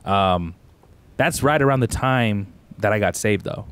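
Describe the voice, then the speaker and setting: This young man from Tucson, Arizona co-hosts a podcast, drifting through a relaxed, meandering story and dropping "bro" a lot. He speaks at a measured pace in a lowish, clear, resonant voice, with no room sound.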